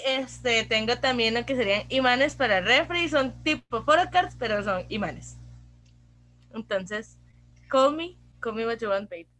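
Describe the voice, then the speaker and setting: A young woman with a Costa Rican Spanish accent co-hosts a podcast, telling stories in relaxed chat and sprinkling in English phrases and slang. Her voice is slightly high and a bit bright, with a little hiss or hum in the background.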